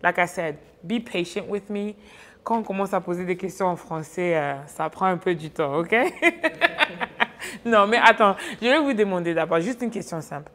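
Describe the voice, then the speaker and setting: A woman's voice: fairly low pitch, animated, normal speed, a bit bright. A young woman hosting a talk show, mixing French and English and laughing often. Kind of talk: casual hosted chat.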